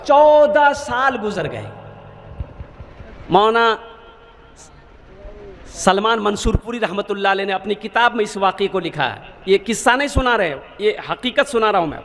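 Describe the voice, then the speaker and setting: A preacher with a strikingly high voice tells a moving story in a dramatic way, pressing the crowd to call back answers. His words ring out with the long echo of a large hall. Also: normal speed, fairly bright tone. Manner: dramatic, calls on the audience to answer. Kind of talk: emotional sermon storytelling.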